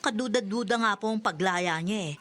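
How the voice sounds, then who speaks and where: An actress playing a meddling, gossipy young neighbor, insinuating and pushy, in old radio show acting. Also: female voice, medium pitch, a little fast, fairly bright tone, natural voice. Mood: catty, insistent.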